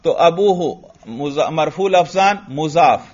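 A man's voice: a little high, dull audio. Man drilling a grammar lesson. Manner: questions students and answers himself, drills step by step. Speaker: Arabic grammar teacher.

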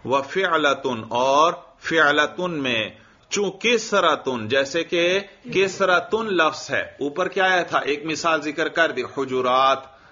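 Man teaching a classroom text, slow and bright. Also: fairly high pitch, lively intonation. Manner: reads a line of the text, then explains it and quizzes students. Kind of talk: classroom lecture explaining a text. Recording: dull lo-fi recording.

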